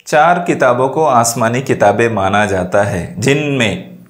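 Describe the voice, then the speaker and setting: A man's voice: mid-range voice, animated. Male teacher, mid-range voice, patient step-by-step explainer, keeps checking understanding. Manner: explains slowly, with frequent check-ins. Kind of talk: classroom lesson.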